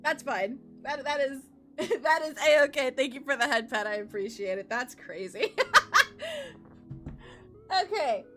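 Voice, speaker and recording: A woman streaming a game, chatting excitedly with her audience, swearing, laughing and stumbling over repeated words, with faint game music behind. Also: sits high, normal speed. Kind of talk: casual live-stream chat.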